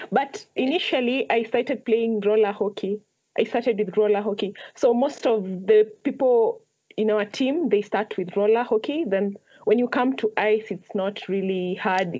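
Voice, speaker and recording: A young woman with a Kenyan accent speaks at a middle pitch. She answers interview questions in a casual, conversational way. The recording is a little dull and lo-fi. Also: measured pace, dark tone. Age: young adult. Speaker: podcast guest, ice hockey player.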